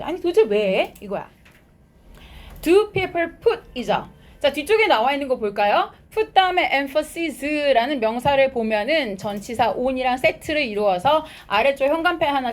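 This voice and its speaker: A woman teaching high school English, explaining a textbook passage in a lively lecture and reading out English phrases as she asks her students questions and answers them herself. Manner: switches between Korean explanation and English phrases.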